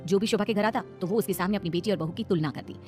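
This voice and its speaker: Woman narrator, fast, matter-of-fact storybook reading. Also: medium pitch, darkish tone, soft background music.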